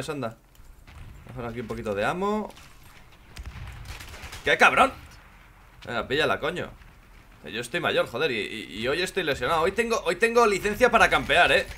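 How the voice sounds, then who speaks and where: Man, hoarse, bright voice, animated, swears, faint game noise. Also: medium pitch. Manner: swears a lot and jokes, shouts when in danger. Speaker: gameplay commentator. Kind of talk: casual gameplay commentary.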